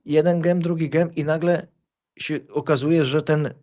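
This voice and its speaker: A man's voice: a little high, fairly even intonation, normal speed, darkish tone. A man who commentates tennis, telling stories in casual chat, rambling with many fillers and restarts. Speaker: tennis commentator and show host.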